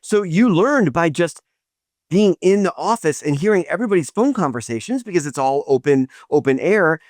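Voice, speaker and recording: A middle-aged man hosts the conversation in a somewhat high voice, recorded dry and near. He talks admiringly, often stopping to restart his sentences. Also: animated, moderate pace, darkish tone, dry recording. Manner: admiring, with frequent restarts and filler words. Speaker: podcast host. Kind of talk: interview conversation.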